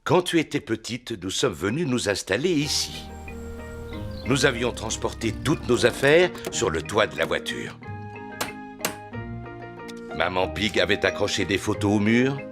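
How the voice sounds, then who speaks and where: A man's voice: fairly low pitch, lively intonation, measured pace, pauses often, over music. A man voicing a cheerful, overconfident pig father in a children's cartoon, jovial and self-assured. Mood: fond, reminiscing.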